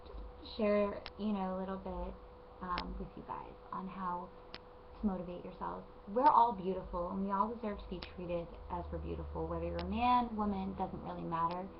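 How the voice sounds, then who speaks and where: A hoarse woman who is losing her voice gives a casual, rambling motivational talk to camera from home late at night, with plenty of ums. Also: medium pitch. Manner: gentle, rambling, lots of ums. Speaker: vlogger and parenting page admin. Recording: dull lo-fi recording with faint background noise.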